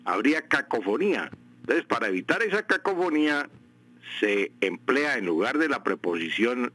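A man speaks on a radio broadcast as a language advisor. He explains grammar at a measured pace, says "eh" and "mm" often, and slowly repeats the example words. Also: medium pitch, fairly bright tone, rough recording. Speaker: language expert on a radio show. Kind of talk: radio language advice segment.

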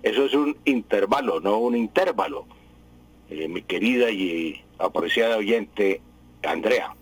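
A man's voice: fairly low pitch, unhurried, husky, rough recording. A man explaining correct word usage on a radio show, patient and repetitive, often correcting himself. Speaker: language expert on a radio news show. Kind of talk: radio language advice segment.

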